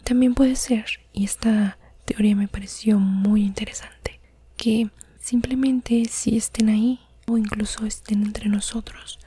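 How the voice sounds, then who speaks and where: Woman whispering under her breath, asmr podcast monologue, mellow and pretty flat, bit of background noise. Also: medium pitch, unhurried, husky. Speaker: podcast host.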